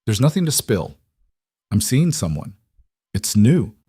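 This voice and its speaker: A man voicing a cautious, guarded single father who speaks in a halting, reserved way. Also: fairly low pitch, big pitch swings, warm tone, husky, no room sound, studio quality, full character voice.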